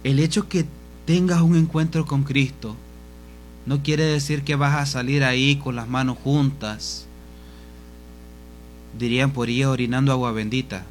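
A man preaching a sermon in a fervent, pleading way, his voice dropping soft each time he addresses the congregation. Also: mid-range voice, steady tone, a little slow, long pauses, faint music behind.

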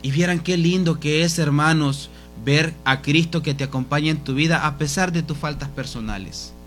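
A man preaching with fervor, urging the faithful on in a fairly high voice. His voice rises to plead and sinks low and soft each time he turns to the congregation. Gentle guitar plays faintly behind him. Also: normal speed. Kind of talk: sermon.

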